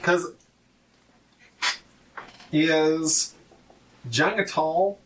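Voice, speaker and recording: A man's voice: a little high, steady tone, very slow, far from the mic, slight background noise, poor audio. A man chatting casually as a player in a tabletop game.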